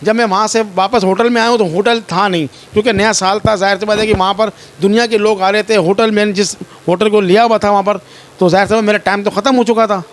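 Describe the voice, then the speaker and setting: This is a complainant from Pakistan giving a reporter his personal account, pleading and upset, often saying the same things again. He talks fast in a high-pitched voice with fairly even intonation.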